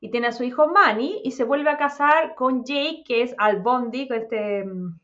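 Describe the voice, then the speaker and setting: High-voiced Chilean woman chatting fast. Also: a bit bright, muffled recording. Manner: chatty, fast, full of slang fillers. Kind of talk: casual chat.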